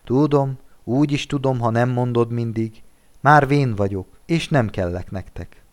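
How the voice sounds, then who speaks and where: A proud, self-pitying aging woman in a storybook, voiced by a man who reads the tale, her voice lifted high and plaintive. She sounds weary and injured, then turns stern. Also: close to an everyday voice.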